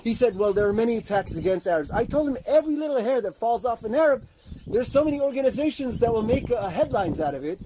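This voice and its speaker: A man from Israel talks in an earnest, animated way, pausing and restarting as he tells his story. His voice sits high for a man. A faint hiss of noise runs behind him. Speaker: guest, activist. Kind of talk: casual roundtable talk.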